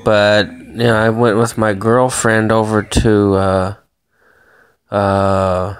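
In a small room, a man from the Chicago area records a home vlog on a handheld phone, rambling casually with plenty of swearing. His low-leaning voice is slow, clean-toned and flat in delivery.

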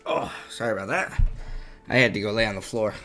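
A man's voice: lowish voice, brisk, sharp tone, soft background music. Casual swearing male game streamer. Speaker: gaming streamer. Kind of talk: casual live-stream commentary.

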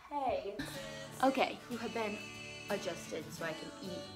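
A woman's voice: medium pitch, moderate pace. Chatty young woman vlogging over music. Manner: rambling, fills speech with "like". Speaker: vlogger and stage actress. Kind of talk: casual chatty vlog while doing makeup. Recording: music playing under the voice.

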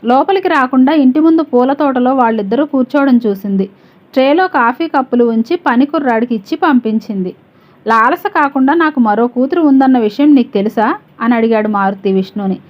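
A woman with a high voice reads a novel aloud in an even storytelling manner. The recording sounds dull and lo-fi. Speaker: audiobook narrator. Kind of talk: novel reading.

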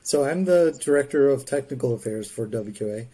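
A man with a mellow, warm voice speaks as a podcast guest. He explains technical matters in a measured, methodical way. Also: medium pitch, lively intonation, rough recording. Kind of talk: expert explanation in interview.

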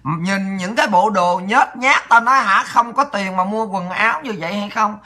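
A woman's voice: medium pitch, moderate pace, bright, forceful tone. A woman giving angry, coarse political commentary over protest footage. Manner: indignant, coarse, exclaiming.

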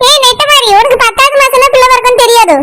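A woman's voice: extremely high pitch, fairly even intonation, rapid-fire. A woman doing a tender pregnant village wife. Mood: chatty. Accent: Kanyakumari Tamil. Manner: soft, tender, cooing. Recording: loud background noise.

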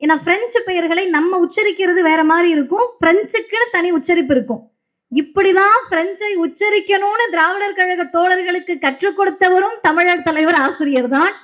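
On stage before a crowd, a woman delivers an impassioned, emphatic speech, repeating her key lines. Her voice is very high-pitched, brisk and a bit bright, and the recording is rough.

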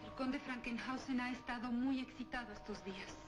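An actress playing a fearful, weakened countess with formal, melodramatic delivery in an old gothic horror film. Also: female voice, fairly high pitch, fairly even intonation, moderate pace, music in the background, natural voice. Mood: weak, urgent. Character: weak, fearful noble countess, haunted and dramatic.

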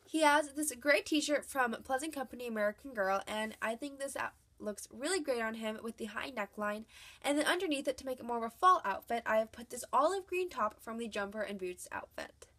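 Showing her dolls' outfits in a scripted voice-over, this young doll-collecting vlogger has a cold. She speaks in a fairly high, slightly bright voice with a chatty, upbeat manner.

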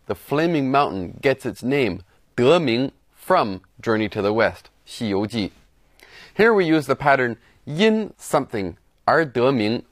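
A man narrating a scripted language lesson, explaining phrases clearly and shifting between two languages. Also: mid-range voice, no echo, clean studio sound. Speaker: language teacher host.

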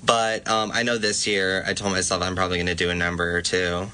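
Deep flat-voiced student guest, hesitant. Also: male voice, a little fast. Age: young adult. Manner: hesitant, frequent "um". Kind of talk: casual radio interview. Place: campus radio studio.

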